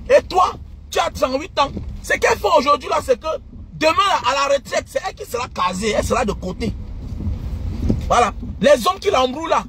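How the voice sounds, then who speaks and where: A middle-aged man giving emphatic, repetitive life advice in a casual preachy monologue, sometimes breaking into shouts. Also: very high-pitched, slight background noise. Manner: emphatic, lecturing, repeats phrases, bursts of shouting.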